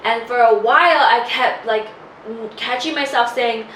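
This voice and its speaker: A podcast co-host in her twenties tells a personal story in casual chat, rambling candidly with plenty of detail and a constant "like". Her voice is on the high side and a bit bright, at a moderate pace. The mic is distant and roomy, with a little hiss or hum.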